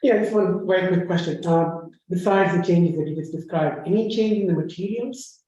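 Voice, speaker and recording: Pressing questioner in an echoey room. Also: male voice, high voice, mellow. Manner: pressing, repeats his question slowly. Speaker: community board member. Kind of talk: public meeting questions. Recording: dull, very echoey room audio.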